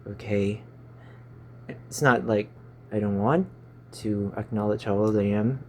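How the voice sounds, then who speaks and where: Slow and fairly even in intonation, this man's lowish voice carries a little hiss or hum. He's a YouTuber in his twenties with a Filipino accent, chatting aimlessly and stumbling verbally, filmed on a phone in a small, stuffy room.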